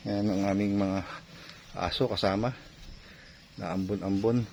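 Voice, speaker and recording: Low-voiced man vlogging from his farm. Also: steady tone, measured pace, creaky, darkish tone, slight background noise. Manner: chatty, talks to viewers while working, often asks "di ba?". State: out of breath at times. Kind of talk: casual narration while clearing brush. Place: outdoors on a farm field.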